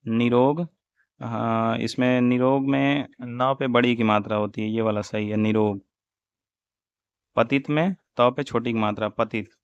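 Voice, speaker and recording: A male teacher drills spelling corrections at a slow, steady pace, setting each wrong form against the right one. His voice is smooth and clear. The recording is dry and a little dull, like lo-fi audio. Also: medium pitch, dry recording. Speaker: Hindi teacher. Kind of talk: exam-prep spelling lesson.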